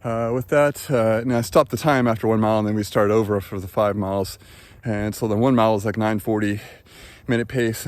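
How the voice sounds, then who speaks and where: Low-voiced man in a casual running vlog. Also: a little mellow, reverberant. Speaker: running vlogger. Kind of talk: casual vlog talk to camera.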